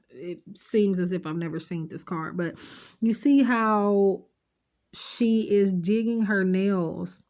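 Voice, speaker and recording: A woman with a medium-pitched, slightly mellow voice gives a casual, rambling tarot card reading. Stuffed up and sniffling, she speaks directly and reassuringly to her viewers, using lots of fillers.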